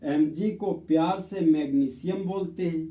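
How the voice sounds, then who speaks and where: A man teaching a chemistry lesson, explaining step by step in a slow, friendly way and often addressing students as friends. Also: fairly high pitch, mellow. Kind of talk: classroom lesson. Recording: echoey room, voice from far off.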